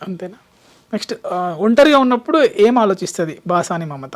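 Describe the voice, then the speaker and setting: A woman's voice: mid-range voice, animated, a little fast. A woman interviewing a guest, soothing and encouraging, with frequent hums of agreement.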